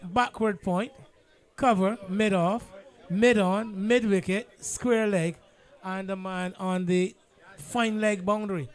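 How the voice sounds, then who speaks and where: A man with a Bajan accent giving live cricket commentary in a measured, explanatory way. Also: high voice, fairly even intonation.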